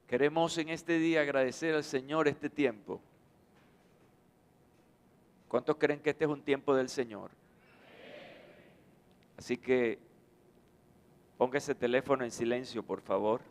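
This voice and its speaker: A male pastor giving a Sunday sermon, calling on the congregation to respond. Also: mid-range voice. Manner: slow, deliberate preaching with call-and-response to the congregation. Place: church sanctuary.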